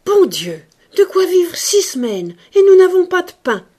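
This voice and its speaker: A woman's voice: sing-song, measured pace, a little mellow, exaggerated voice. A woman reading aloud, voicing a stern, frugal old servant woman who cries out shrilly. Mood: outraged. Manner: shrill outburst.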